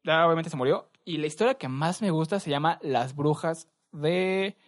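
A young man with a Mexican Spanish accent, co-hosting a podcast and telling stories in a relaxed, slangy, rambling way. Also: a little high, normal speed. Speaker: podcast co-host. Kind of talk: casual chat.

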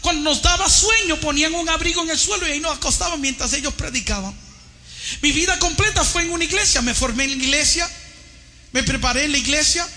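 High, bright-voiced fervent male preacher. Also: quick pace, a little hiss or hum. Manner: fervent, shouting at peaks, addresses listeners as brother. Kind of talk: impassioned testimony sermon.

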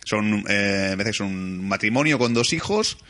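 A man with a Spain Spanish accent chatting casually about a film as a podcast co-host, animated and swearing freely. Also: on the low side, measured pace, slight background noise. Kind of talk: casual film review chat.

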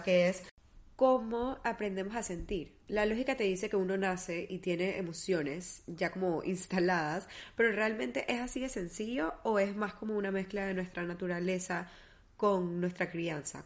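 A woman's voice: mid-range voice, moderate pace. A woman hosting a conversation who asks curious follow-up questions in a chatty way. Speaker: host. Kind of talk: conversational interview.

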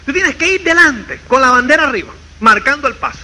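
High-pitched, lively male motivational speaker. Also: brisk, rough recording. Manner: animated, keeps asking "¿me entiendes?"; acts out quoted people in shifting voices. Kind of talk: seminar talk to an audience.

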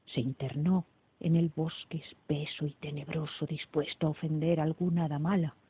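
A woman reading a children's story aloud in a lively, animated way. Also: deep voice, normal speed. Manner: animated read-aloud with voices. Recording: dry, tinny phone-like, raspy.

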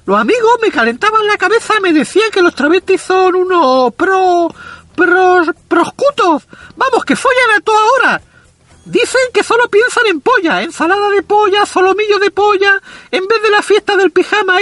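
Squeaky, effeminate macho man. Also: bright, forceful tone, no echo, full character voice. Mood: aggrieved, gossipy. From Andalusia, Spain. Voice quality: squeaky, effeminate, unbroken boyish voice. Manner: crude, rambling anecdotal delivery. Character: foul-mouthed self-proclaimed macho Andalusian man with a squeaky effeminate voice. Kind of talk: comic character monologue.

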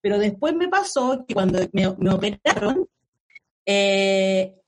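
A Chilean woman journalist recounting her illness in an interview, halting and searching for words. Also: medium pitch, sing-song, slight background noise. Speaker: journalist guest. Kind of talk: emotional personal interview.

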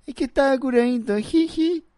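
Man doing a whiny high Chilean voice. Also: a little fast, mellow, dry recording. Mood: mocking whine. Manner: mocking high-pitched whimper. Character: whiny panicked young man, mocked.

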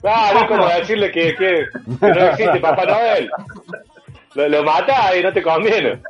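A man hosting an interview, asking playful, halting questions. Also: high voice, lo-fi sound, over music. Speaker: podcast host. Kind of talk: joking casual interview.

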